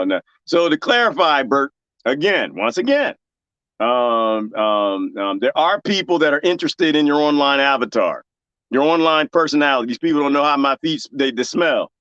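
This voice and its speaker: Out in the garden planting cuttings, a man with a Texas drawl speaks at a medium pitch and moderate pace, reading his viewers' comments aloud. He jokes around, laughs often and talks right to his chat in a lively way. There's no room sound, and the recording is muffled.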